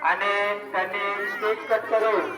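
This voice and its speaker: Man announcing over an echoing outdoor loudspeaker. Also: high voice, little pitch movement, a little slow, background noise. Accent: Vidarbha Marathi. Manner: formal, reading out names one by one. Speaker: festival announcer. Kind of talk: public address announcement. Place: outdoor village festival grounds. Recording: echoey loudspeaker from far off with crowd.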